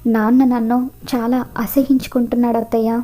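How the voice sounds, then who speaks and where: Woman reading a heartbroken young bride, flat monotone, high-ish. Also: fairly quick, natural voice.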